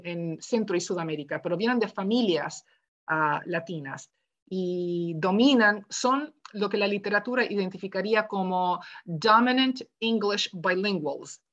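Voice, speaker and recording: A woman lecturing to teachers in a relaxed, conversational way, often asking "¿verdad?" and acting out quoted dialogue in her stories. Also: mid-range voice, normal speed. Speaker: university education lecturer. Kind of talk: lecture given online.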